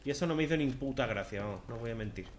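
A man with a Spanish accent from Spain, giving chatty, sarcastic let's-play commentary with sudden loud outbursts. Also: medium pitch, lively intonation, very fast, slight background noise. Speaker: gaming video host. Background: game music.

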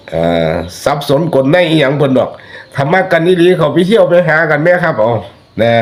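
A man with an Isan accent giving chatty, folksy spoken commentary that turns into preachy warnings to his listeners. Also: on the high side. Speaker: online commentator.

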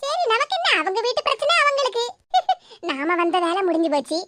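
A woman's voice: very high voice, fairly quick, fairly bright tone, a little hiss or hum. A woman voicing a sly, scheming younger sister in a cartoon, coaxing and mock-tearful, with a Tirunelveli Tamil accent. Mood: scheming aside.

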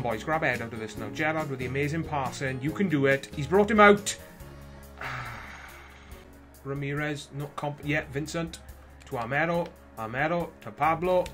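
A young Welsh man talks through his own gameplay in a slightly raised voice. He goes from easy chatter to yelling at the players on screen. Faint music plays underneath. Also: on the high side. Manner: excitable, swings from chatty to shouting at the game; casual mild swearing. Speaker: gaming video host. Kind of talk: live gameplay commentary.

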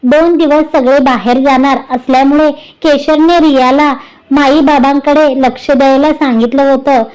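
A woman's voice: high-pitched, steady tone, normal speed, a little mellow, rough recording. A woman narrating a serialized family story, reading every character's lines in her own voice.

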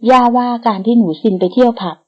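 A woman's voice: fairly high pitch, steady tone, quick pace, a little mellow, lightly acted. A woman voicing a stern elderly grandmother who heads the family and speaks with authority, in a slightly dull recording. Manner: authoritative, scolding.

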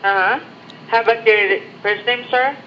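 A man's voice: high-pitched, fairly even intonation, moderate pace. A man working as a telemarketer, heard over a phone line. He reads a sales script steadily and stays patient when he is interrupted. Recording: muffled phone line with faint background noise.

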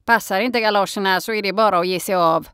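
A woman doing a gruff old man. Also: mid-range voice, a bit bright, dry recording, studio quality, natural voice.

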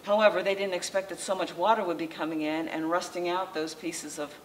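Her intonation fairly even, an older woman speaks in a low, unhurried voice while walking a small audience through slides in an informal lecture; she is the local historical society president, in an indoor library meeting room. Conversational and halting, she uses frequent restarts and fillers. The masked speaker comes through a distant camera mic over faint room noise.

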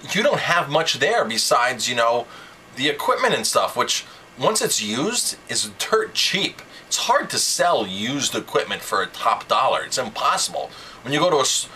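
Speaking at medium pitch with a sharp tone, a restaurant owner gives informal instructional advice in a video. He's conversational and emphatic, often asking rhetorical questions, and there's slight background noise.

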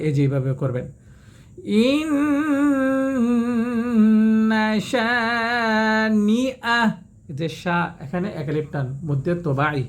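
High-voiced man teaching slow recitation. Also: darkish tone. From Bangladesh. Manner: rapid explanations, slow drawn-out melodic recitation. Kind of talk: step-by-step recitation lesson.

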